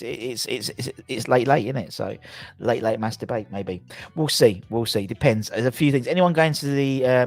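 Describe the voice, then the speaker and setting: A man's voice: mid-range voice, gravelly. A man with a southern English accent hosting a casual football fan livestream, rambling and jokey, often repeating himself as he chats to viewers.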